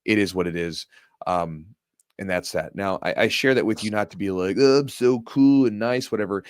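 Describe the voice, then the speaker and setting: This podcast host, who also coaches jiu-jitsu, has a fairly low, resonant voice and speaks at a normal speed. He tells a competition story casually, often repeating words and saying "you know" a lot. The recording is clear, studio quality, with no echo.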